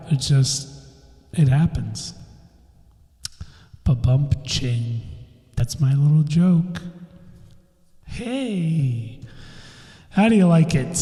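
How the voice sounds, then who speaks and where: Slow, mumbling man with echoey audio. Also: fairly high pitch, dark tone. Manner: rambling, self-mocking, swears freely. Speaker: podcast host. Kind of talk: casual solo podcast monologue. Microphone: desk microphone. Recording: echoey room with long reverb.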